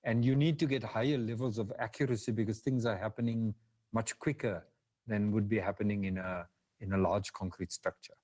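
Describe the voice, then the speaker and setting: A man's voice: on the low side, warm tone. A man with a South African English accent giving a webinar lecture and answering questions, hesitant, with many fillers and restarts. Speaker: guest speaker.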